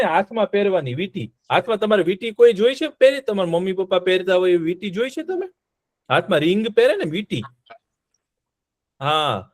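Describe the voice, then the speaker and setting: A man telling a story to children, animated, asking them questions and repeating words. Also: high voice, no echo, studio quality.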